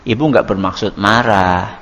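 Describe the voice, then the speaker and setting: A man voicing a gentle mother who softly apologizes to her child. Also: on the low side, fairly even intonation, moderate pace, slight background noise, voice pushed down. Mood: apologetic. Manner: soft, apologetic, hushed. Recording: long hall reverb.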